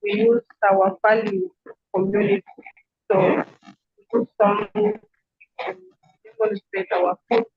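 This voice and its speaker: A woman from Kenya, a community organization founder, introducing herself earnestly and haltingly on a video call. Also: very high-pitched, very animated, vocal fry, no echo, narrow, tinny audio. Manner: earnest, halting, with many fillers. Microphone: video call with a weak connection.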